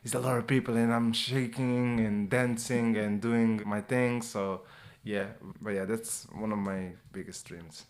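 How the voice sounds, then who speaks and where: A man in his twenties from Portugal with a Portuguese accent, talking at length in an animated, casual way in English as an interview guest, often adding "you know". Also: lowish voice, a little slow, hardly any pauses. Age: 20s. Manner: animated, talkative non-native English with repeated "you know". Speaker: guest, personal trainer and former sprinter. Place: indoors, interview in England.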